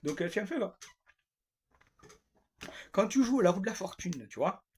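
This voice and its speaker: A man's voice: sits high, sing-song, moderate pace, slightly rough. A man delivering a rambling, grumpy and sarcastic comic monologue, repeating himself often.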